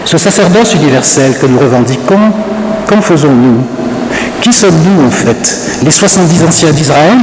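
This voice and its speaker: A man delivers a solemn Protestant sermon in a fairly high male voice, posing rhetorical questions in literary phrasing. The microphone clips and saturates, with clear noise and the long echo of a church around him. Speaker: Protestant preacher. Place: large reverberant Protestant church. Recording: saturated clipping mic, echoey church, noisy.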